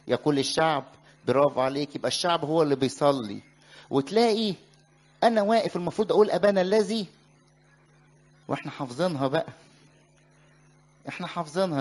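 A man with an Egyptian accent gives a church sermon, asking the listeners questions and having them finish his sentences. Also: mid-range voice. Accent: Egyptian Arabic. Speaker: church teacher.

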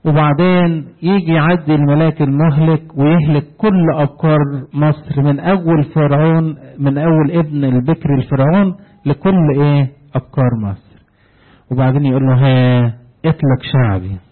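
A man with an Egyptian Arabic accent delivers a sermon and tells the story lively, pausing on questions for the listeners to complete. His voice sits a little high for a man. The recording is narrow and tinny, like a phone line. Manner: asks the congregation fill-in questions ending in "what?"; animated storytelling, retelling dialogue. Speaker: preacher.

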